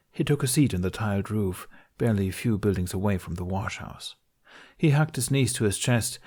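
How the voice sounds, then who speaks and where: Reading fan fiction as a podfic narrator, a man delivers a fantasy story in scripted, audiobook-like narration. His voice sits low and is slightly mellow.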